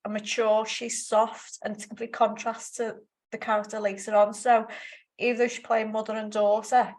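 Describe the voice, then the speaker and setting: A woman's voice: fairly high pitch, little pitch movement, normal speed, a little mellow. A woman co-hosting a casual film discussion, rambling and restarting sentences as she gives her opinions. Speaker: podcast co-host.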